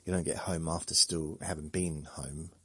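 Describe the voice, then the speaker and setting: A man's voice: rumbling low, fairly even intonation, moderate pace, slightly rough, no room sound. A man hosting a sleep podcast, rambling in a meandering, self-deprecating way with jokey asides. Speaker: podcast host.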